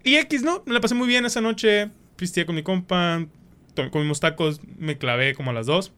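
Slangy Mexican man, bright voice. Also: high-pitched, expressive, moderate pace, clear, resonant tone. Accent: Mexican Spanish. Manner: slangy, rambling storyteller, acts out quotes. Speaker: podcast host. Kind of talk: casual chat.

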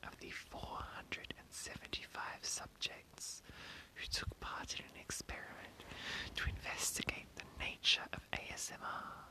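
An ASMR host speaking entirely in a breathy whisper, reading an article aloud and adding informal, rambling asides. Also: measured pace, low-quality recording. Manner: informal, rambling, self-commenting.

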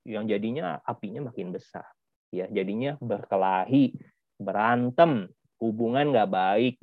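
A man's voice: fairly low pitch, a little slow, no echo. A man teaching a children's church lesson over a video call, acting out angry kids' lines and quizzing the class. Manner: lively, acts out angry kids' quotes, asks questions. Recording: dull lo-fi video call audio.

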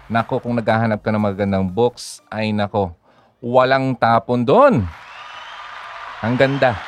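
A man's voice: medium pitch, measured pace, a faint crowd, slight background noise. A man hosting a radio talk, chatting casually about grief and faith, full of fillers and little "ha?" tags. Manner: chatty, code-switching, many fillers and "ha?" tags. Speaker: radio host.

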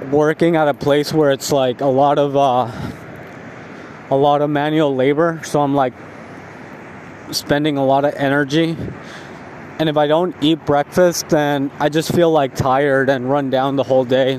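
A man who is high and tired, talking in a laid-back, rambling stoner drawl, like a casual spoken diary. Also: little pitch movement, normal speed, darkish tone. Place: outdoors, walking along a residential street at night. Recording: outdoor street noise with passing cars.

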